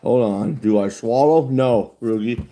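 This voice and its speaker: A man's voice: mid-range voice, a little slow, warm tone. A man, chatting bluntly and profanely with a lip full of chewing tobacco. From United States. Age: 40s. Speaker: livestreamer chatting with viewers. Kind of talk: casual chat.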